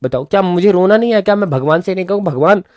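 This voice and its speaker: A man's voice: sits high, no echo. Man teaching a class, dry close sound. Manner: animated, reads English lines slowly then explains them. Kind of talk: online class explaining an English story in Hindi.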